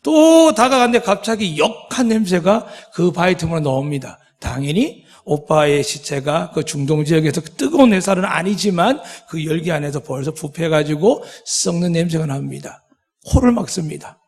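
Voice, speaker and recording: A pastor preaching a sermon, with dramatic voiced quotes and many rhetorical questions. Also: male voice, fairly high pitch, animated, normal speed, big-room sound. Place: church sanctuary.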